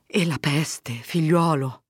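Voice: medium pitch, husky, dry recording, studio quality. A reader voicing an anxious older village mother. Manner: worried, pleading, rapid questions.

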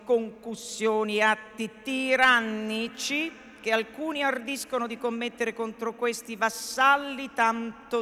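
A woman's voice: a little high, fairly bright tone. A woman voicing a pompous, fussy old male lawyer in a theatrical reading of a novel, bustling and self-important. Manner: bustling, self-important, mutters quickly through legal text. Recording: echoey hall.

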